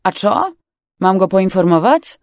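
A woman's voice: mid-range voice, unhurried, no echo, studio quality. A woman voicing a crude, mocking young male crewman who swears a lot. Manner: crude, excitable, cursing.

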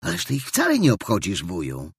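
A man reading aloud and voicing a cheerful, warm-hearted young nephew who speaks in a bright, ringing voice. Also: on the low side, huge pitch swings, fairly quick, creaky, breathy edge, dry recording, studio quality, full character voice. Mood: cheerful pleading.

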